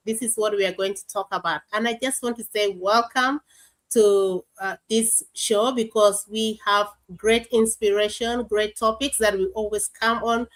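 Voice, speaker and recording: A woman's voice: medium pitch, fairly bright tone, rough recording. A woman from South Sudan hosting a live online talk show, introducing guests. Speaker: host. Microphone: video call.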